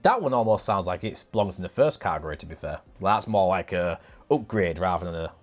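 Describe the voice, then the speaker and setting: A man's voice: deep voice, lively intonation, brisk, soft background music. A man with a northern English accent, hosting a casual gaming podcast in a chatty, self-mocking way. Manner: chatty, laughs at himself. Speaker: podcast host.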